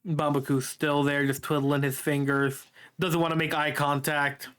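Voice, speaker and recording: Relaxed man running a tabletop game. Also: fairly high pitch, moderate pace, clear, resonant tone. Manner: casual, laughs often, relaxed. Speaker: game master.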